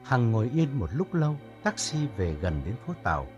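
A man narrating an audiobook story in a calm storytelling manner. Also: medium pitch, moderate pace, over music.

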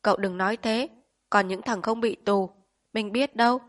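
A woman's voice: mid-range voice, steady tone, moderate pace, natural voice. A woman voicing a landlord's wife talking with worried chatter. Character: landlord's wife, anxious and gossipy.

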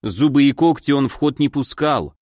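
Man reading an audiobook, steady storytelling, middle voice, dead dry mic. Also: medium pitch, normal speed, no room sound. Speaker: audiobook narrator. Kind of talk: first-person audiobook narration.

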